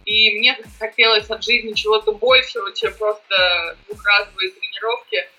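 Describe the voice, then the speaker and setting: A woman's voice: medium pitch, fairly even intonation, normal speed, bright, forceful tone, faint music behind, rough recording. A young woman answering interview questions casually, with a slushy, sh-like s from braces. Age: young adult. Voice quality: slushy lisp from new braces, sh-like s. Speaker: podcast guest, amateur triathlete and former swimmer.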